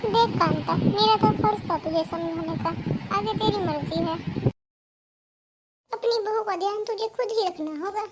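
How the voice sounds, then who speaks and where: Woman doing a nosy cartoon auntie, preachy, very high voice. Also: fairly even intonation, a little fast, hardly any pauses, muffled recording, heavy background noise. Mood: disapproving. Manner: preachy, disapproving. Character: meddling older aunt, nosy and critical.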